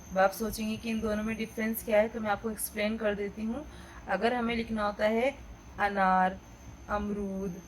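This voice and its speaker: A woman gives an online kindergarten lesson in a patient, step-by-step manner. She spells out each letter clearly so the children can say it after her. A faint hiss sits under the recording. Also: on the high side, rough recording. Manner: patient, slow, explains step by step; drills letters aloud for children to repeat. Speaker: teacher.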